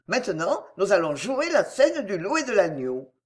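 A woman's voice: medium pitch, very animated, moderate pace, darkish tone, lightly acted. A woman voicing an eager young man who declaims a wolf's lines in a storybook scene. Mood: declaiming. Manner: theatrical, declaiming. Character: eager young man playing a raging wolf.

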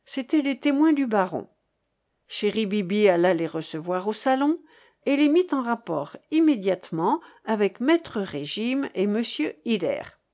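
A woman reading a novel aloud as narrator, with expressive storytelling. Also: mid-range voice, a little slow.

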